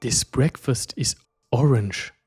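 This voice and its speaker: Loud music nearly competes with this slow, medium-pitched male voice. The speaker, a native French speaker with a Swiss French accent from French-speaking Switzerland, reads reflective travel narration as an artist recounting his journey, in a storytelling manner.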